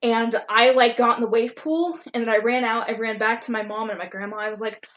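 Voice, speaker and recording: A woman's voice: fairly high pitch, steady tone, brisk, fairly bright tone. A young woman reading her own old story aloud in an embarrassed, giggly way, acting out dialogue and adding casual self-mocking asides. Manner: voices dialogue animatedly.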